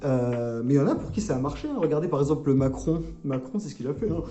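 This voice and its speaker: A man's voice: medium pitch, animated, quick pace, dark tone, reverberant, dull audio, faint music behind. A man coaching in a casual, playful, joking way, rambling with many fillers. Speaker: wellness coach.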